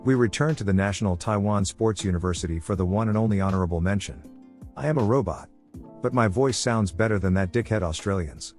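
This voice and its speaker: A male text-to-speech voice speaking as a robot that mocks the host in a flat, sneering way. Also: on the low side, fairly quick, soft background music. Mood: mocking. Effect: synthetic robot voice.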